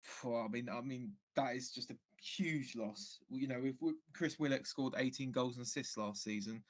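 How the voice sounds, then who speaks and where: A man's voice: mid-range voice, moderate pace. A man guesting on a football podcast as a fan, speaking in casual chat with frequent restarts. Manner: hesitant, many restarts and fillers.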